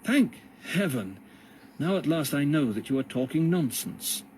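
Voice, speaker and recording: A man's voice: animated, normal speed, a little mellow, slight background noise, natural voice, low-quality recording. A man doing a frantic, indignant young hero. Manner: raised, fervent, high-pitched outbursts. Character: desperate young man, crying out in anguish.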